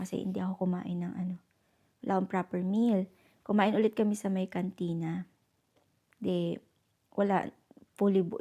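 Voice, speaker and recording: A woman's voice: on the low side, gravelly, warm tone. A woman vlogger chatting casually, telling a story with lots of fillers and switching into English. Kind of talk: casual vlog chat.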